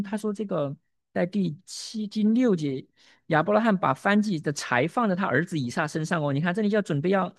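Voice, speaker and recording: A middle-aged man preaching a sermon as pastor, animated, asking rhetorical questions and dropping in English words. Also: on the high side, no echo, studio quality. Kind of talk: expository sermon.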